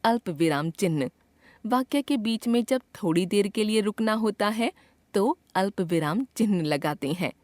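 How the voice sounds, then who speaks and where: A woman teacher narrates a scripted grammar lesson clearly and expressively, acting out the example sentences. Her pitch is medium and her speed normal, with no room sound.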